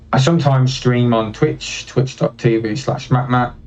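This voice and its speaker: A man's voice: mid-range voice, measured pace. A man speedrunning a game and chatting casually in a modest, self-deprecating manner. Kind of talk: casual chat while playing. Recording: distant mic, faint background noise.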